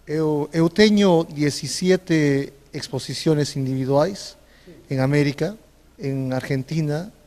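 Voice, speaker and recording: A man's voice: medium pitch, warm tone, long reverb tail. A man from Peru with a Peruvian Spanish accent, a native Spanish speaker, answering interview questions hesitantly with many filler sounds. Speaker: interview guest, visual artist.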